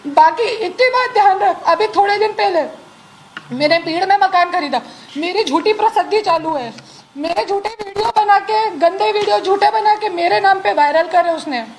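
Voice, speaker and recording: Woman, 40s, high voice, defiant press statement, accusatory, faint background noise. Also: normal speed, low-quality recording. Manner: defiant, accusatory, direct challenges. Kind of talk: impassioned media statement. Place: indoors at a media sitting.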